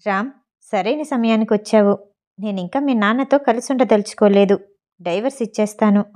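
A woman voicing a furious, scheming wealthy mother in an audio story, talking in quick, heated bursts. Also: medium pitch, darkish tone, close to an everyday voice. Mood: angry.

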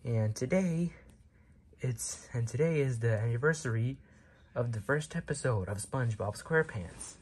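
A man's voice: medium pitch, lively intonation, normal speed, breathy edge. A man voicing a cheerful male sea sponge who introduces his friends in a plush toy parody skit.

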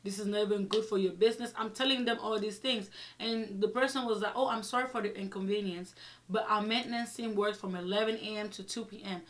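A young adult woman vlogger giving an animated, exasperated storytime rant, speaking emphatically and acting out quoted exchanges as she retells them. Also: mid-range voice, fairly quick. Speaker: vlogger telling her own story. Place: small indoor room with shelves, seated before the camera.

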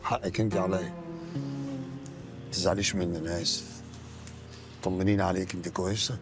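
A man's voice: deep voice, fairly even intonation, fairly quick, music in the background, close to an everyday voice. A man with an Egyptian accent playing a protective husband who soothes and reassures. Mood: soothing. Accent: Egyptian Arabic.

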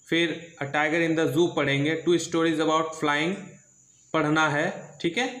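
A man's voice: fairly high pitch, fairly bright tone, reverberant. A male English teacher walks students through a syllabus. He speaks steadily and repeats himself, checking in often with "theek hai". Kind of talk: syllabus walkthrough lesson.

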